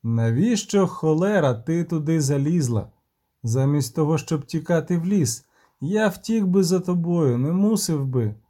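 A man voicing a weary monster hunter who talks gruffly and curtly, with mild curses. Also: a little high, expressive, a little slow, dark tone. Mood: impatient. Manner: gruff, curt, swearing.

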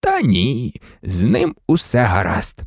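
A man voicing a calm, wise old male headmaster who speaks quietly and unruffled in an audiobook. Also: a little high, normal speed, vocal fry, no room sound, studio quality, full character voice. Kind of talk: audiobook character voice.

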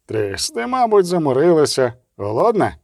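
A man voicing an old, gentle mentor in an audiobook, speaking slowly and in a fatherly way. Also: on the high side, very animated, gravelly, dry recording, clean studio sound. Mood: kindly.

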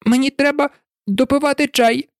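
A woman's voice: high voice, steady tone, normal speed, dry recording, studio quality, pitched above the performer's own voice. A woman voicing a timid male hatter who pleads in a trembling voice in a storybook reading. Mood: nervous pleading. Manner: nervous, pleading.

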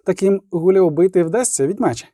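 A wary young woman archer, curt and hissing, her voice lifted well above the narrator's own, as a man puts her on. Mellow, dry and close. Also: high-pitched, fast, dry recording, pitched above the performer's own voice, lightly acted.

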